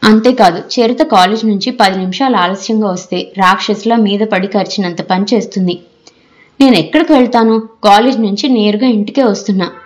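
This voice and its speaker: A woman's voice: medium pitch, fairly quick, darkish tone, lightly acted. A woman doing a hurt young college girl. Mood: plaintive. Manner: plaintive, protesting. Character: hurt teenage college girl, pleading with her mother.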